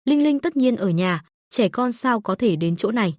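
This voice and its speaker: A woman's voice: animated, normal speed, no room sound, studio quality. A woman voicing a spiteful older mother-in-law. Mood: scolding. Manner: shrill scolding and cursing.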